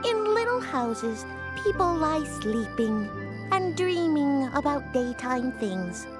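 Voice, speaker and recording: A woman voicing a literal-minded female robot babysitter who speaks in stiff, programmed phrases and switches to a gentle voice to read a bedtime story. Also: sits high, very animated, slow, over music, full character voice. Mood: soothing storytelling. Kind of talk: reading a bedtime story aloud.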